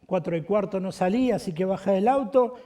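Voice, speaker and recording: Argentine pastor telling a sermon story. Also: male voice, high voice, a little fast, dark tone.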